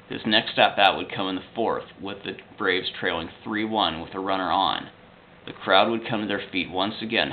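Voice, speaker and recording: A man's voice: low-pitched, a little hiss or hum. A young man steadily reading a fact-heavy sports history narration into a webcam in a small room at home. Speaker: video narrator. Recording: tinny lo-fi webcam audio.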